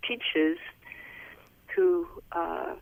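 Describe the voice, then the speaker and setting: A middle-aged woman from Wales, a physician guest on a podcast, speaking softly and unhurriedly, with many pauses, over a phone call. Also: fairly low pitch, lively intonation, creaky, dry recording. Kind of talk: casual interview talk. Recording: tinny phone line.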